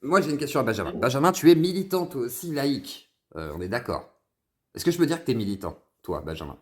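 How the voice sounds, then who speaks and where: A man's voice: mid-range voice, big pitch swings, fast talker. A man chatting informally in an online debate, asking questions and repeating short words of agreement. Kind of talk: casual chat in an online debate.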